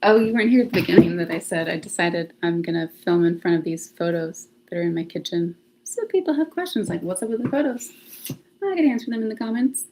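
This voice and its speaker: A woman's voice: mid-range voice, a little mellow. A woman in her thirties chatting casually on a home livestream, self-deprecating and talkative, now and then dropping to a whisper to test her mic. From United States. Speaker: vlogger livestreaming. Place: home kitchen, indoors. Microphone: phone with clip-on mic.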